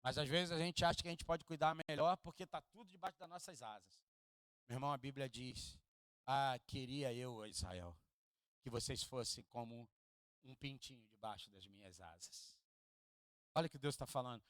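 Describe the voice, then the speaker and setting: A pastor with a Carioca Portuguese accent from Rio de Janeiro preaches a sermon in a church hall at a moderate pace. His smooth voice drops to hushed, low asides and climbs to loud, high peaks as he jokes with the congregation and has them repeat lines after him. There is no echo.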